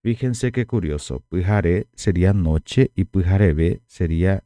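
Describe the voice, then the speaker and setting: A man giving a casual online language lesson, explaining slowly and repeating each word for learners. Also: sits low, warm tone, no echo. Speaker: language teacher.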